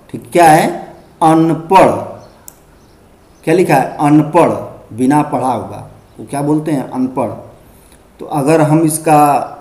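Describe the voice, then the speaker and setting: A man's voice: a little high, dark tone, reverberant. A male schoolteacher giving a grammar lesson, patiently repeating words and checking in with the class. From Uttar Pradesh, India. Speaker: school teacher.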